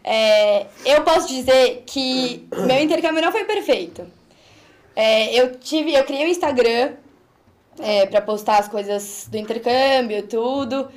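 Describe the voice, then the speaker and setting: A woman's voice: high-pitched, unhurried. A young woman, chatting casually as a guest and rambling a bit. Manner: rambling, loses her train of thought. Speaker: podcast guest. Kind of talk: casual chat.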